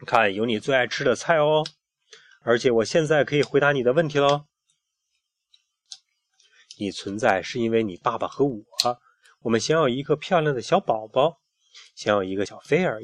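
A man's voice: medium pitch, lively intonation, normal speed, long pauses, slight background noise, natural voice. A man voicing a cheerful, loving mother calling her child to dinner. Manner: warm, laughing call.

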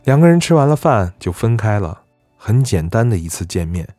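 男声低沉温润的故事讲述. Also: male voice, fairly low pitch, moderate pace, no room sound, clean studio sound, faint music behind. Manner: calm, conversational storytelling. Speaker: narrator. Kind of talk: scripted story narration.

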